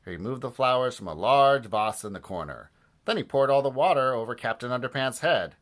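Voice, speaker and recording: A man reading a children's book aloud with expressive, lively storytelling. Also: medium pitch, a little fast. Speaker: audiobook narrator.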